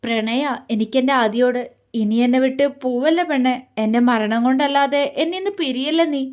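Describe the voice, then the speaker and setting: A woman voicing a devoted young husband in an audio love story, speaking softly and earnestly with gentle teasing. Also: high voice, moderate pace, lightly acted. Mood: tender.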